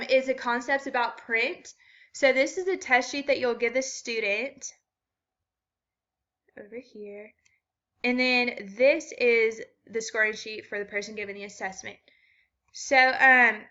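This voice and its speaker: Bright-voiced woman explaining a test. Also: on the high side, muffled recording. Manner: explanatory, with frequent ums. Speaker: student teacher explaining an assessment. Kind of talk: walkthrough of a reading assessment.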